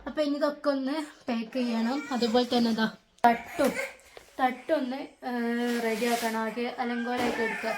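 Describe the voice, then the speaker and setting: A woman's voice: fairly high pitch, steady tone, normal speed, background noise. A young woman, chatting casually at home in a family vlog as she explains each step. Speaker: family vlogger, mother. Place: home, indoors.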